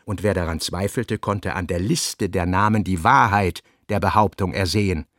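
A man narrating a literary audiobook in a measured, expressive storytelling manner. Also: low-pitched, dry recording, clean studio sound.

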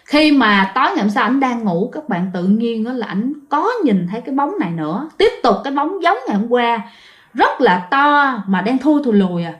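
Speaking at a moderate pace in an animated voice on the high side, a Southern Vietnamese woman chats her way through a ghost story. She talks straight to her audience and leans heavily on fillers.

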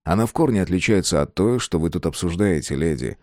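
A man's voice: sits low, expressive, fast talker, darkish tone, no room sound, clean studio sound. A male audiobook reader voicing a polite, slightly baffled man at a book club who speaks with wry courtesy.

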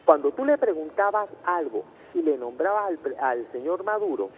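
Over a tinny, slightly noisy phone line, a radio caller from Caracas, Venezuela, argues his case in a fairly high, sing-song voice at normal speed. Again and again he cuts back in, refusing to drop his point during the phone-in debate. Faint music can be heard in the background.

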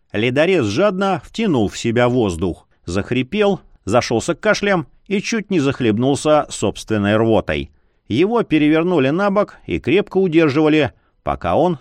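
A man narrating a fantasy novel in a dramatic, expressive reading. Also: no echo. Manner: expressive, swinging pitch. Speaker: audiobook narrator. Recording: dry close studio sound.

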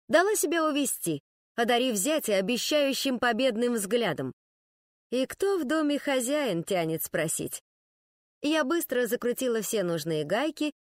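A woman reading an audiobook with sardonic irony, her pitch a bit high and very animated. The recording is close and dry. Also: dry recording. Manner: ironic, sardonic. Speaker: narrator. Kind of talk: audiobook narration.

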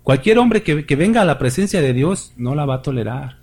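Male pastor, fairly high voice, emphatic sermon delivery with scripture readings. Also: animated, fairly quick, darkish tone, husky. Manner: emphatic preaching, rising for scripture, addresses congregation as brothers.

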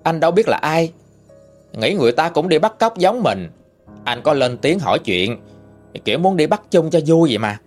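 A man's voice: a little high, moderate pace. A man, narrating a ghost story in a folksy, conversational way. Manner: folksy, lively retelling with rising and falling emphasis. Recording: faint background music.

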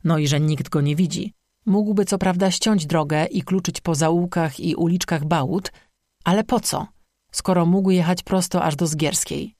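Audiobook narrator with a wry, sarcastic delivery, dry close recording, mid pitch. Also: a little mellow, dry recording.

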